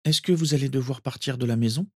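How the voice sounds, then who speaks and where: A man's voice: medium pitch, fast talker, darkish tone, breathy edge, no room sound, clean studio sound, voice pushed up. A man reading a storybook and voicing a mischievous, sleepy young boy in a childish whisper.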